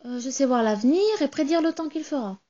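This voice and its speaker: A woman reads out a little rubber doll with a squeaky, chirpy voice, quick and eager to please. She is a clever, polite magic toy from a children's tale. A slightly muffled, lo-fi sound hangs over it. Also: expressive, dark tone.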